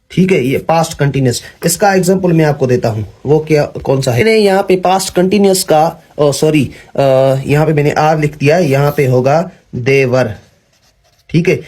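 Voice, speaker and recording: A young man teaching English grammar in a patient classroom style, often pausing with fillers and correcting himself. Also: a little high, a little mellow, slightly rough. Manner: patient, repeats "ठीक है", frequent fillers and self-corrections.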